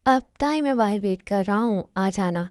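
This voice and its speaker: A woman voicing a calm, reserved young man in a fan dub, speaking low and quiet. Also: moderate pace, no echo, clean studio sound, natural voice. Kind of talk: fan dub dialogue acting.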